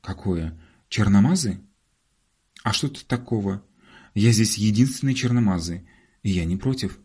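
A man's voice: lowish voice, normal speed, slightly rough. A man voicing an exuberant, blunt young male entertainer in an audiobook. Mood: puzzled. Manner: loud, excitable, blunt.

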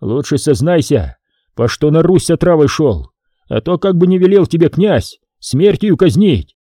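Male narrator voicing a harsh boyar, scolding and commanding, mellow dark voice. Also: fairly high pitch, sing-song, moderate pace, dry recording, studio quality, pitched above the performer's own voice. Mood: stern. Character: stern angry male boyar, a nobleman.

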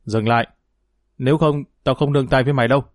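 A man's voice: mid-range voice, fairly even intonation, fast, dry recording, clean studio sound, lightly acted. A man voicing a harsh, scornful young fighter in a storybook reading. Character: tough young male fighter, contemptuous and cruel.

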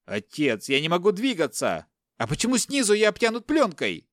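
A man voicing a panicking young man held captive, talking high and agitated. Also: wildly swooping pitch, moderate pace, no room sound, studio quality, heavily acted. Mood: confused. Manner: high-pitched, shouting, agitated.

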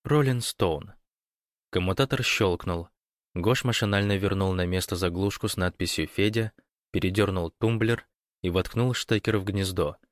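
A man narrating an audiobook in an even, measured way. His voice sits low. The sound is dry and close, with no room echo. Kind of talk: scripted narration.

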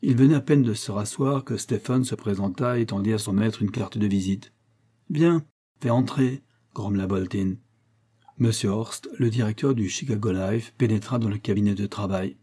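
Man reading a novel aloud, low mellow voice, kinda husky, steady and even. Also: normal speed. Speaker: audiobook narrator. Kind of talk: scripted novel narration.

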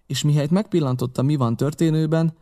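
A man narrating a classic adventure novel in the first person, with steady storytelling delivery. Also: fairly high pitch. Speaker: audiobook narrator.

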